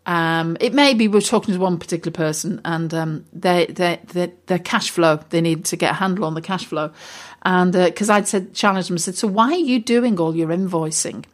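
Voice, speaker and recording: Chatty woman, lowish voice. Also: moderate pace. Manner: chatty, many fillers and restarts. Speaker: business coach and podcast host. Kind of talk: casual solo talk.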